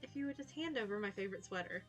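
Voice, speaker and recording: A woman's voice: medium pitch, animated, racing, faint music behind, natural voice. A woman voicing a prim, irritated troll ex-girlfriend in a visual novel, using a controlled, polite customer service voice. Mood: politely irritated.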